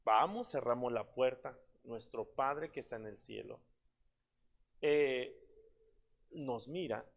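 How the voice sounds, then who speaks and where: A man's voice: medium pitch, vocal fry. A man, a pastor, preaching a prayer-service sermon in an earnest manner with many fillers and repeated calls to his listeners.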